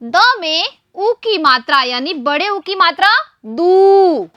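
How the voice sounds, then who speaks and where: A woman teacher giving a slow, patient lesson to small children, asking questions and then answering them herself. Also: very high-pitched, expressive, dry recording, muffled recording. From India. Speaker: primary school teacher.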